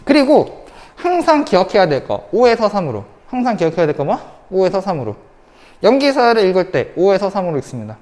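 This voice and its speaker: A woman's voice: medium pitch, very animated, brisk, a little mellow, long reverb tail. A woman teacher giving an online science lecture, repeating key points and asking the class rhetorical questions. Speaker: high school science teacher.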